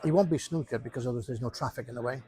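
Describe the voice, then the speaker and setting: A man's voice: medium pitch, racing, darkish tone. A man giving casual, jokey live commentary on a pool match, rambling and repeating himself. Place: pub during a pool match.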